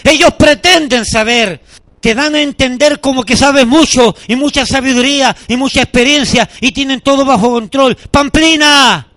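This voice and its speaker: A middle-aged man preaching a sermon as pastor, telling lively anecdotes and acting out the people in them. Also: very high voice, normal speed. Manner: animated storytelling preacher, voices the people in his anecdotes.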